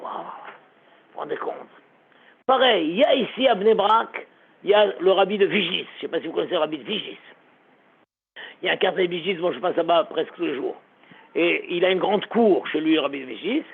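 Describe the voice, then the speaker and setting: A man's voice: sits high, creaky, a little hiss or hum. A man, a rabbi, teaching a lesson through a dramatic story, repeating words for effect, heard over a tinny phone-like recording.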